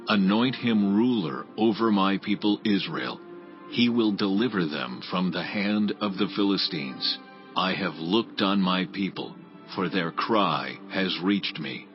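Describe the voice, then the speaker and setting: An actor playing God as a grave, all-powerful divine voice, speaking slowly and solemnly in an audio Bible drama. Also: male voice, deep voice. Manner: slow, solemn. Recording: dull lo-fi audio with music. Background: background music.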